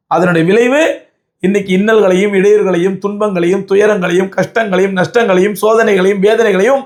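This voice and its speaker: High-voiced preacher, emphatic storytelling. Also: male voice. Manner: emphatic preaching, long lists of parallel phrases, quoting Arabic verses; colloquial storytelling, acts out quoted speech. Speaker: Islamic preacher. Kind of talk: sermon on the Prophet's life.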